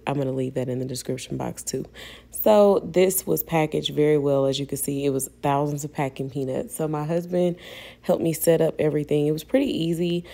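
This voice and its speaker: Woman vlogger, young adult, low mellow voice, chatty, calls viewers y'all. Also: creaky. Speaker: vlogger and hairstylist. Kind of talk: casual voice-over vlog narration.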